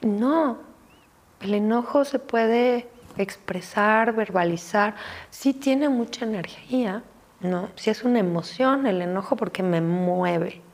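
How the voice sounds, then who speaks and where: A woman's voice: mid-range voice, slow. A woman from Mexico with a Mexican accent, a therapist giving an informal talk on emotions and often adding "¿no?" tag questions. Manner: conversational, frequent "¿no?" tag questions.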